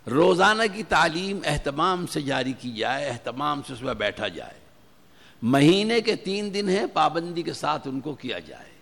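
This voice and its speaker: Gravelly-voiced man preaching in echoing hall. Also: a little high. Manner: earnest, exhortative, repeats key points. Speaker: religious preacher. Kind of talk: sermon addressing a gathering. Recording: reverberant hall with faint ambient noise.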